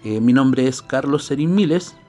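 A man's voice: medium pitch, lively intonation, moderate pace, soft background music. A man in his thirties with a Chilean accent, a schoolteacher fondly recalling his school days in a recorded testimonial. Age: 30s. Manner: warm, fond reminiscing.

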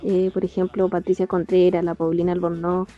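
A woman's voice: on the low side, monotone, brisk, faint music behind. A Chilean woman with a Chilean accent sending a recorded greeting, hesitant and full of fillers. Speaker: former student sending greetings. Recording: dull lo-fi recording.

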